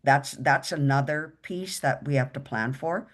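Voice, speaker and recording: A woman's voice: rumbling low, unhurried. A woman speaking earnestly as a panelist on a webinar video call, laying out plans step by step.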